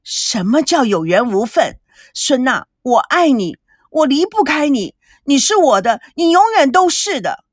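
An earnest, lovesick young man stumbles over his words as he pleads, as a woman reads his part aloud. The voice stays fairly high, with lively rises and falls, and it sounds dry and close. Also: unhurried, dry recording, heavily acted. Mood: pleading. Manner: stammering, pleading. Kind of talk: audiobook character voice.

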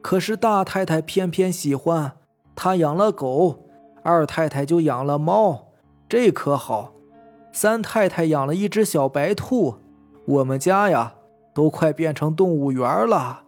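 Brief: a man playing a testy rich old master of the house, barking orders, a bit higher than his own voice, for an audio horror story. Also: expressive, unhurried, faint music behind. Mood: impatient. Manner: impatient, commanding.

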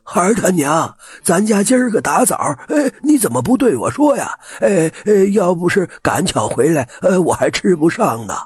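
A man's voice: high voice, big pitch swings, slightly rough, no room sound, voice pushed up, heavily acted. A male storyteller voicing a confused, rambling old village man who has lost his wits, stammering and muddled. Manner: halting, stammering, muddled talk.

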